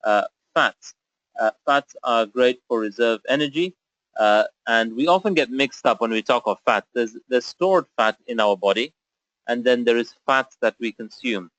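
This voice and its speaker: Man from Zambia as webinar presenter, mid-pitched voice, methodical explainer with "uh" fillers, close and dry. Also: moderate pace, fairly bright tone, no echo, poor audio. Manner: explanatory, step-by-step, frequent "uh" fillers. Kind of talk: webinar lecture.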